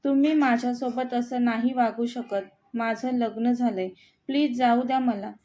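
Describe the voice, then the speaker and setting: A woman's voice: fairly high pitch, steady tone, moderate pace, mellow, lightly acted. A woman voicing a frightened young married woman in a storybook reading, begging to be let go.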